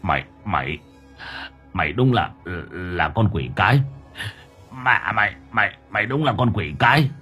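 A man voicing a wounded old man who mutters low and stammers in terror, in an audio story. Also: expressive, normal speed, bright, forceful tone, husky, faint music behind, full character voice. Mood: terrified.

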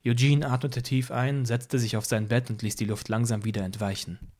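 Calm male audiobook narrator. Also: medium pitch, moderate pace. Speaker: audiobook reader. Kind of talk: first-person audiobook narration.

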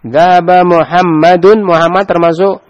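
In an Arabic grammar class, an Islamic teacher with an Indonesian Javanese accent questions his students and has them read aloud. His high-pitched voice moves at a normal speed with fairly even intonation, and the recording's highs are cut off.

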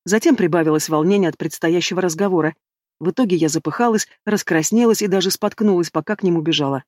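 A man narrating an audiobook in a measured, even reading style, close to the mic. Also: high-pitched, no room sound. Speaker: audiobook reader. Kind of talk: scripted narration.

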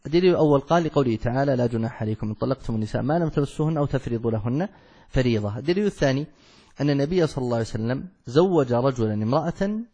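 A man's voice: medium pitch, animated, rapid-fire, mellow, slightly rough. A man teaching a classical Arabic law text, explaining it step by step and asking and answering his own questions. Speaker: sheikh teaching a fiqh text. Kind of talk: classical Arabic study lesson.

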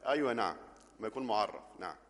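A man's voice: on the low side, animated, very fast, in a large hall. A man with an Egyptian accent teaching an Arabic grammar lesson, explaining step by step and often checking that the class follows.

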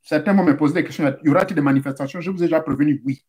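Male spiritual teacher, high voice, didactic, talks straight to listeners, repeats steps. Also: racing, darkish tone. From Central Africa. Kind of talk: instructional talk.

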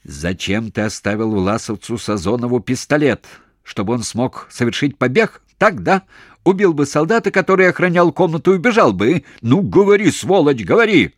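Sadistic interrogator, yelling and sneering, voiced by a man reading an audiobook. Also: sits low, very animated, slow pace, few pauses, no echo, studio quality, full character voice. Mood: screaming. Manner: cold hissing, then screaming. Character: cruel male military interrogator, bullying.

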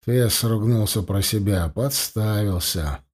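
A man narrating a fantasy audiobook in an expressive storytelling manner. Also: fairly low pitch, slow pace, slightly rough.

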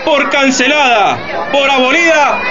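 In a radio drama, a male actor with a very high-pitched voice and measured pace plays an impassioned, defiant president rallying his nation through declamatory, emphatic oratory. The recording is dull and lo-fi, swamped by loud crowd noise.

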